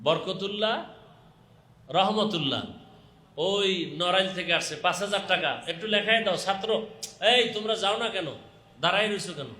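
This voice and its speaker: Casting: Bangladeshi male preacher, high-pitched and piercing, running a donation appeal with repeated urging and blessings, echoey PA. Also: moderate pace, long pauses, bright, forceful tone. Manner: urging, repetitive calls to the crowd. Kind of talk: live religious fundraising appeal, calling out donations with short blessings. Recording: echoing public-address sound.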